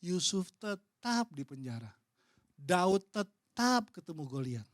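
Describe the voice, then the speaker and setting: A pastor from Indonesia preaching, telling a story with lively acted-out dialogue that swings from loud to hushed. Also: male voice, high voice, slow pace, dry recording, studio quality. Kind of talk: sermon with acted-out stories. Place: church hall.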